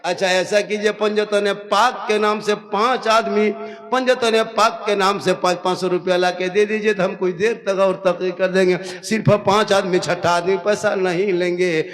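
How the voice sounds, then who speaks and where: At a religious gathering, a fifties-aged preacher with a Jharkhand-accented Hindi delivers a funny sermon. His fairly high voice holds a steady tone at normal speed as he shifts from loud proclamation to sing-song chanting to jokey asides.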